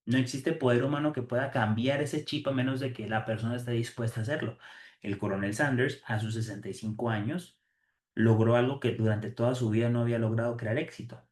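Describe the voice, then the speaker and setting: A man's voice: mid-range voice, steady tone, a little fast, a little mellow, reverberant. A man giving an emphatic, preachy motivational talk to his viewers, with frequent fillers and restarts. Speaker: host.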